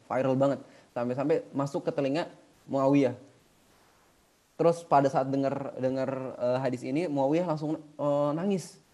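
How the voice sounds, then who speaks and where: A man's voice: medium pitch, warm tone. A man preaching informally, telling stories animatedly in colloquial speech and reciting Quran verses in Arabic. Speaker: Islamic preacher. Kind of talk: casual religious talk.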